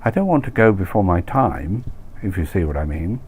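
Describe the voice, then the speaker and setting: Reading a comic short story, a man with a low, slightly mellow and very animated voice performs a nosy, chatty expat wife in her middle years, at a moderate pace. Her lines are gossipy and full of clichés, delivered with blasé condescension as she offers worldly advice, and there is a little background noise.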